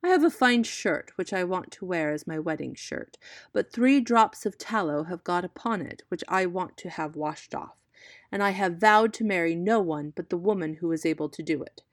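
Haughty troll stepmother from a fairy tale, read by a woman; gravelly, dry sound. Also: lowish voice, moderate pace, no echo, natural voice. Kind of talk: storybook read-aloud.

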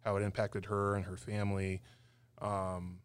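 A man's voice: low-pitched, completely flat delivery, normal speed, clear, resonant tone. A man from Arizona co-hosting a casual podcast, chatty and joking, with many fillers. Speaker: podcast co-host.

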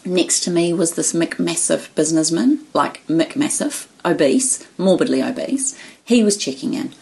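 A woman telling a story in casual chat, animated and acting out the dialogue as she goes. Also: low-pitched, measured pace, creaky. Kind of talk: casual anecdote.

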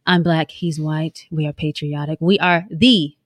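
A woman's voice: low-pitched, steady tone, a little slow, no room sound. A woman in her thirties co-hosting a casual talk show, playful and teasing. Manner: playful, teasing, laughing often. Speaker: show co-host.

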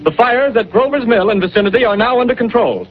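An actor playing a brisk male radio studio announcer, reading formal bulletins in an old newsreel manner, on a muffled 1930s radio broadcast. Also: extremely high pitch, expressive, a little hiss or hum. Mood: urgent.

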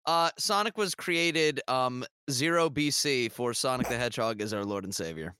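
A man introducing himself as a tabletop player, joking in a deadpan way. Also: mid-range voice, normal speed, clear, resonant tone, dry recording. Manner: jokey, deadpan bits. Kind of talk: casual tabletop chat.

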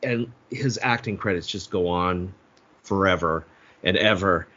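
A man with a low, fairly bright voice speaks at a measured pace while co-hosting a podcast. He chats casually about a movie in a movie review, his talk loose and profane, with many restarts. The podcast audio is dull and lo-fi.

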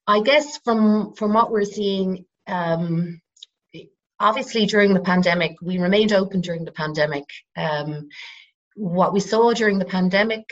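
Croaky, low-voiced Irish woman. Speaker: psychotherapist, interview guest. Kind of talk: informal explanatory talk. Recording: dull, lo-fi sound.

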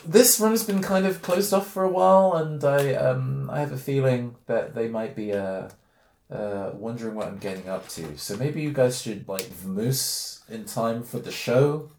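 A man narrating a tabletop game as game master, relaxed and hesitant with many fillers. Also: medium pitch, normal speed, gravelly, a little hiss or hum. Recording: roomy recording with music behind.

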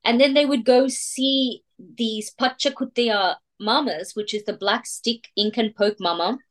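A woman in her thirties from India, a tattoo artist talking in a relaxed interview, reflective and slow with frequent pauses and fillers. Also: on the high side. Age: 30s. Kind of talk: casual interview chat.

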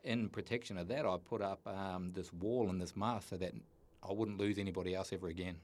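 A man with a New Zealand accent and a very low, deep voice. He speaks earnestly, often pausing and restarting his sentences as he tells his own story. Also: steady tone, darkish tone. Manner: earnest, halting with many restarts. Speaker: guest. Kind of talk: candid personal story.

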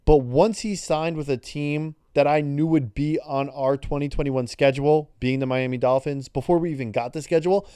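A man with a mellow, warm voice talks through an upcoming football matchup for his podcast, building his case point by point. His voice is smooth and resonant, set a little higher than most men's, recorded close and dry. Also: steady tone, normal speed, few pauses, no echo. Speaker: podcast co-host. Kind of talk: casual sports podcast talk.

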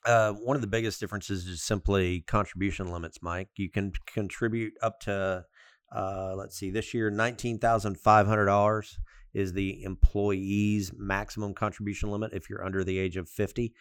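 A man explaining things off the cuff as a podcast panelist, pausing and repeating words as he goes. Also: on the low side, level tone, clean tone, no echo, clean studio sound. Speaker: financial firm executive, podcast panelist. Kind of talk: unscripted explanatory talk.

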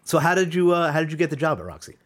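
A man's voice: fairly high pitch, very animated, racing, fairly bright tone. A man, chatting casually as a podcast host. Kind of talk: casual chat.

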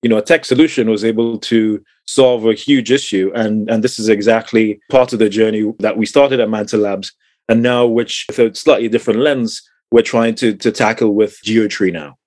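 A man's voice: lowish voice, fairly even intonation, normal speed, darkish tone, no room sound. A man from Trinidad, middle-aged, answering interview questions thoughtfully, with many fillers and repeated words. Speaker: guest, climate tech entrepreneur.

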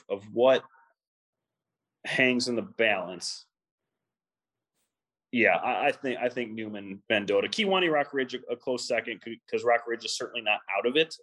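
A man with a fairly low voice co-hosts a casual sports talk show. He talks hesitantly, with many ums, false starts and restarts, as he weighs the matchups. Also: a bit bright, low-quality recording.

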